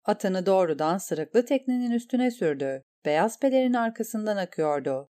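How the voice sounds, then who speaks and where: A woman narrating a fantasy novel in a measured, dramatic reading style. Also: mid-range voice, animated, mellow. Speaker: audiobook narrator. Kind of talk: scripted narration.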